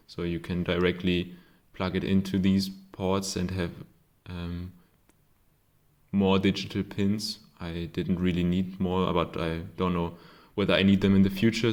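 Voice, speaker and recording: Unhurried and low-voiced, with a darkish tone and little pitch movement, a non-native speaker from Germany shows his own circuit board in casual show-and-tell. He has a German accent and hesitates often, with many ums and self-corrections.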